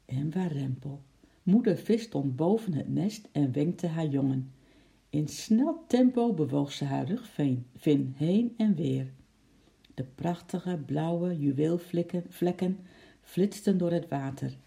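A storyteller reading a children's story aloud in a lively, expressive way, with sound effects. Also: mid-range voice, takes it slowly, vocal fry.

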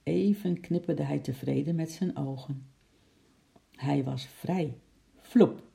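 A storyteller reading a children's story aloud in a lively, expressive way, with sound effects. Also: medium pitch, slow, gravelly.

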